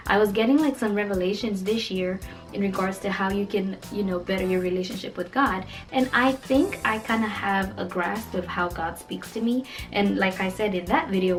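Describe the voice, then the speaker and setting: A 29-year-old Kenyan woman vlogs in a casual chat, playful, emphatic and animated, with a mid-range voice.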